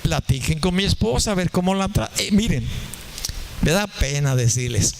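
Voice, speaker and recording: A man's voice: on the high side, expressive, normal speed, gravelly, a little hiss or hum. A man preaching a sermon, telling a funny story and chatting with the congregation. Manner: joking, anecdotal, conversational with the congregation. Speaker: pastor.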